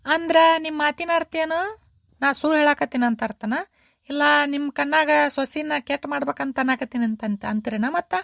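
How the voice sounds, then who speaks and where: A woman at normal speed, her voice creaky and a bit bright, performs a cartoon's nagging older mother-in-law. The character is shrill, complaining, and repetitive, with a North Karnataka Kannada accent, recorded in studio quality with no room sound.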